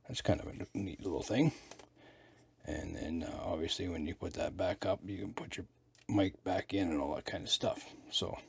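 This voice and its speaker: A man with a rough, deep voice rambles through a casual hands-on gadget review at normal speed, filling his talk with fillers while he fiddles with the gear. He's recorded indoors in a small bedroom at home by the camcorder's built-in shotgun mic, a few feet to eight feet away.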